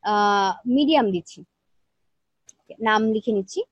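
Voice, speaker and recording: A woman teaching an online design class, explaining each step plainly and checking in with her students, speaking softly because she feels weak today. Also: mid-range voice, measured pace, slightly rough, lo-fi sound. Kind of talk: live screen-share tutorial.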